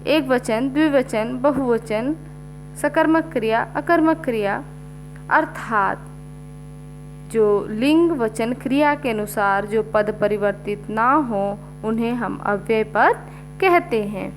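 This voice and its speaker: A woman teacher explains a lesson slowly and step by step, often saying "ठीक है" as she goes. Her voice is a little high, and the poor audio carries a faint mains hum.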